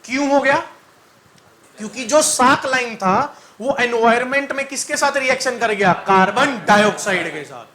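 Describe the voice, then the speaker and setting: A man's voice: very high voice, animated, moderate pace, sharp tone. A man teaching chemistry to a class, quizzing students in a call-and-response style, joking and singing mnemonics.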